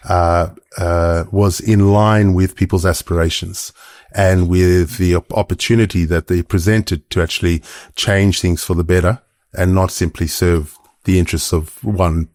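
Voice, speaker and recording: Low-voiced man, slight Papua New Guinean twang. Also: darkish tone, dry recording, studio quality. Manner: thoughtful, halting with fillers, then quick bursts. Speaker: guest. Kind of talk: conversational interview answers.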